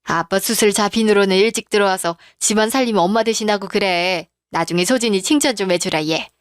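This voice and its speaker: A woman's voice: medium pitch, brisk, smooth, no room sound, lightly acted. Woman doing a fussy caring mom, mid voice, dry close mic. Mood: motherly. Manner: fussing, motherly. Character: caring older mother, fussing.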